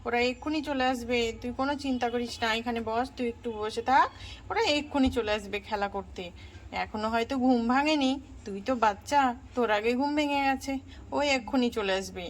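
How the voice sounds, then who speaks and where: A woman voicing a gentle aunt who coaxes and soothes a small child in doll play. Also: on the high side, brisk, lightly acted. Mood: coaxing. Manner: soothing, coaxing, soft-spoken.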